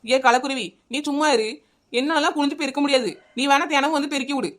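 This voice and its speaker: A woman's voice: high voice, fast talker, fairly bright tone. Woman playing a sassy stubborn neighbour. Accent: Kanyakumari Tamil. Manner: sassy backtalk, mocking.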